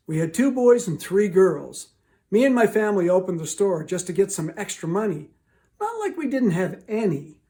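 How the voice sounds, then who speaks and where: Actor as a proud old-time shipbuilder's ghost, high and gravelly. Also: male voice, dark tone. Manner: proud, folksy. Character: proud hard-working ghost of a 19th-century shipbuilder. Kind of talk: first-person historical monologue.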